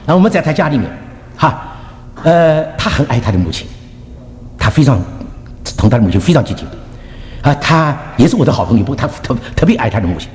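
An older male pastor tells stories in a fast, lively voice that swings widely in pitch and sits somewhat high. He chuckles and acts out what others said. The sound carries a long hall reverb with faint ambience behind. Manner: animated storyteller, chuckling, acts out quotes, mixes in English words. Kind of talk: sermon with personal stories.

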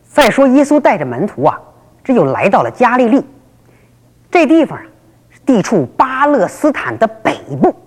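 A woman storyteller tells her tale in the old oral style, exclaiming often. Her fairly high voice rises and falls a great deal and sounds a little breathy. It all rings in a long reverb. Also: moderate pace, long pauses. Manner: lively, exclamatory, many interjections.

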